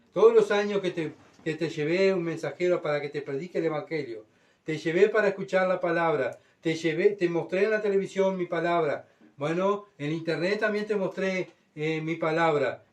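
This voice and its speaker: A man's voice: on the high side, darkish tone. A man preaching a sermon, reading scripture and acting out voices with dramatic swings. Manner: dramatic, voicing God and mocking crowds in heightened tones. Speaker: pastor. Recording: voice from far off the mic.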